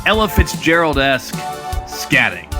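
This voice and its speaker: A man co-hosting a podcast in casual chat, playful and teasing in a deadpan way. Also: fairly high pitch, measured pace, music in the background. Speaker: podcast co-host.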